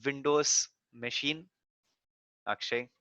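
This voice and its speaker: A man gives a screen-recorded technical lesson, explaining each step with frequent "so" and "uh" fillers. His voice is bright and forceful, recorded dry and close with a slightly dull, muffled tone. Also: medium pitch, fairly even intonation, slow, clean tone, no room sound. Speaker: course instructor.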